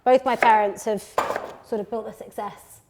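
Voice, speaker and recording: A woman's voice: on the high side, fairly even intonation, normal speed, heavy background noise. A woman from Birmingham in her thirties, a company founder chatting casually while cooking in a home kitchen, full of fillers and restarts. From England (Birmingham).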